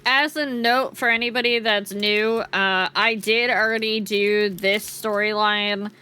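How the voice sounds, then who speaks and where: A woman's voice: medium pitch, steady tone, measured pace, bright, forceful tone, clean tone. A woman hosting a game livestream, chatting to viewers in a cute, playful anime-streamer manner. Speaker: streamer, host.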